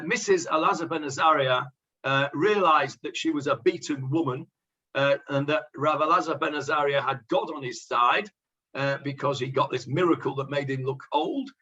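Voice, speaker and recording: A man teaching a Talmud class as rabbi, halting with many fillers and dry humorous asides. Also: on the high side, bright, forceful tone, lo-fi sound. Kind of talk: Talmud lesson.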